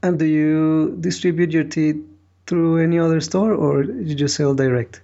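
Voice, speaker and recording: A man hosting a casual podcast interview, asking simple questions in a halting way. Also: a little high, fairly even intonation, gravelly, warm tone. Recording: dull, lo-fi podcast sound.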